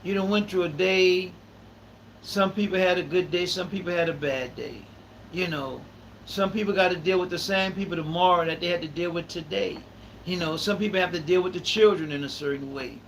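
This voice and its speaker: A man's voice: sits high, a little fast, vocal fry, a bit bright, slight background noise, rough recording. A man, hosting a live podcast in casual talk and repeating phrases for emphasis. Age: 30s. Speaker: podcast host.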